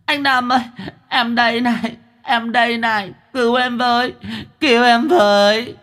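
A man's voice: extremely high pitch, fairly even intonation, moderate pace, a bit bright, voice pushed up. A man voicing a trapped female spirit in a ghost story, shrieking desperately for help.

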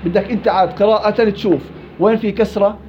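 A man's voice: high-pitched, fairly even intonation, quick pace, a little hiss or hum. A man teaching a class on Quran recitation rules, repeating and contrasting each rule to drill it into his students. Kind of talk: classroom tajweed lesson. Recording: muffled lo-fi recording.

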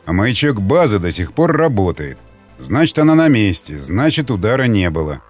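A man's voice: on the low side, sing-song, normal speed, faint music behind, pitched below the performer's own voice. A man voicing a stern male aircraft commander giving firm orders. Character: stern middle-aged male bomber commander.

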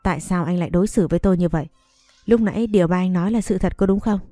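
Wronged young woman, read by a woman, bitter, pleading, dark tone, dry. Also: lowish voice, rapid-fire, no echo, soft background music, lightly acted.

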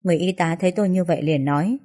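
A woman narrating a first-person story in a soft, sorrowful way. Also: fairly low pitch, racing.

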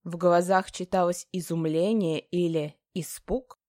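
Woman narrator, first-person novel, expressive reading, lowish voice, dry close mic. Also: a little slow, dry recording. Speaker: audiobook narrator.

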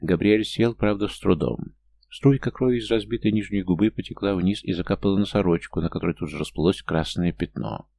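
Male audiobook narrator, deep and gravelly, mellow dark tone. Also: brisk. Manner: reads every character's lines himself, lifting his pitch for younger or smaller figures. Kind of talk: scripted fantasy narration.

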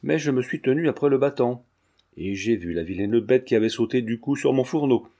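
An old servant woman, frightened and blunt, grumbling as she talks, read by a man. Her voice sits at a middle pitch with a mellow, dark tone. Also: expressive, a little fast. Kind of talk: audiobook character reading.

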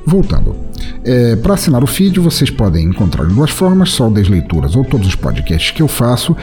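A podcast host with a mid-range voice offers relaxed, chatty closing remarks to his listeners, wandering a little as he goes.

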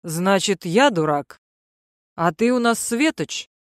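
A woman voicing a cocky, insulting young billionaire man who taunts in a slow, sneering way. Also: medium pitch, animated, no echo, clean studio sound. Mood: furious.

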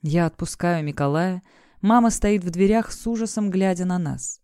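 Audiobook narrator, female, low-pitched, smooth warm voice, dry close recording. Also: moderate pace, dry recording. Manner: acts out the shouting parents and lovers in her own voice. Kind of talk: first-person audiobook narration.

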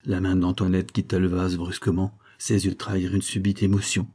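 A man narrating a classic novel aloud in a measured storytelling manner. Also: sits low, level tone, dark tone, husky. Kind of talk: reading a serialized novel aloud.

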